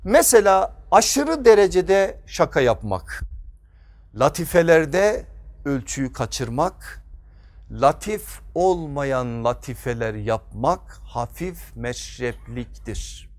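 This is a man giving a sermon from behind a pulpit microphone. His voice sits high, and he drives his points home with emphasis. He asks rhetorical questions and then answers them himself. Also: very animated, slow, a little mellow. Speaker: preacher.

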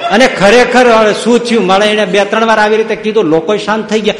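A man's voice: high voice, fairly even intonation, a little fast, very noisy. A man giving a spiritual discourse, telling stories and firing off sarcastic, humorous rhetorical questions. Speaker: preacher. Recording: echoey hall.

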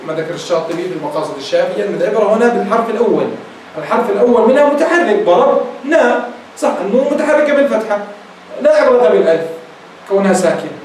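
A man with a high voice delivers a classroom grammar lecture as a sheikh. He poses rhetorical questions and repeats each example slowly. His voice is heard from a distance in a very echoey room. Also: lively intonation, darkish tone, slight background noise. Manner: addresses listeners as "beloved ones". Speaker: sheikh teaching Arabic grammar.

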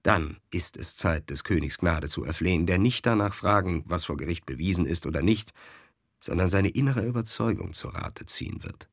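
A man's voice: low voice, animated, moderate pace, no room sound, clean studio sound, voice pushed down. A man voicing an experienced older counselor giving grave caution.

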